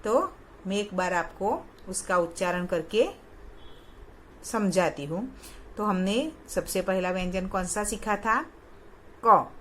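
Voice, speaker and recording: A woman teaching young children in a recorded lesson, patient and repeating each sound with clear stress. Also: medium pitch, takes it slowly, a little hiss or hum. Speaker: kindergarten teacher.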